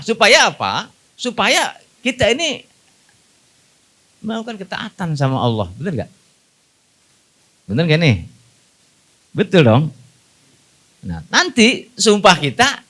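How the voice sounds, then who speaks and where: A Betawi-accented preacher giving a lighthearted sermon at a mosque gathering. His pitch swings widely as he jokes and keeps quizzing the listeners in casual street talk. His voice sits a little high for a man. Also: sharp tone. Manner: jokey, colloquial, asks the audience questions. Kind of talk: humorous sermon.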